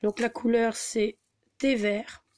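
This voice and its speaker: Woman vlogger, mellow and warm, chatty and halting, recorded on a camera mic at her table. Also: on the high side, little pitch movement. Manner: chatty, hesitant, many fillers. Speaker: scrapbooking vlogger. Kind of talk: casual haul video.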